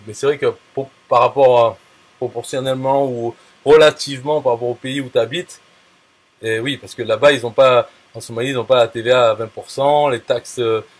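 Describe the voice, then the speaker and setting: A man talking casually and bluntly, full of fillers, restarts and crude slang. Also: medium pitch. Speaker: affiliate marketer. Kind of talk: casual talk to a viewer.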